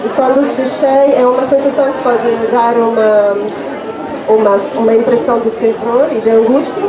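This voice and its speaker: Speaking unscripted at a book launch held at a public book fair, a young woman uses Portuguese, her second language, to reflect hesitantly on poetry, full of fillers and restarts. Her voice sits fairly high, with fairly even intonation and a moderate pace. Echo, a distant mic and a loud crowd mark the recording.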